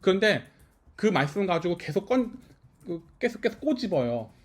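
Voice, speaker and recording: A male pastor with a slightly raised voice that swings widely up and down as he preaches. He talks in a loose back-and-forth with a small house-church gathering, often pausing to ask whether they follow. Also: sits high, very animated. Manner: keeps checking with listeners, asking if they follow. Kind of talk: conversational sermon.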